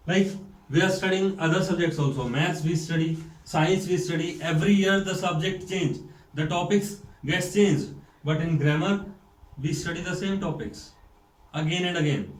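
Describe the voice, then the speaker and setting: An Indian man, a school principal, lectures at a deliberate pace, repeating key points and firing rhetorical questions at his class. His voice sits a little high for a man. He is recorded from some distance in an echoey classroom. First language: Hindi. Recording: echoey room, mic far off.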